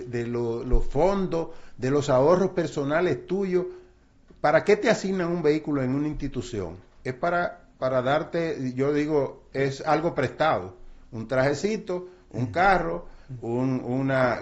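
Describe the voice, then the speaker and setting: An older man talks through personal finance like he's telling stories, slipping into little acted-out quotes and pausing on fillers. His voice sits at a middle pitch. The recording is dull and lo-fi. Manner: storytelling, acts out quotes, frequent fillers. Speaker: guest speaker on finance. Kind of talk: casual explanatory talk. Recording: dull lo-fi sound.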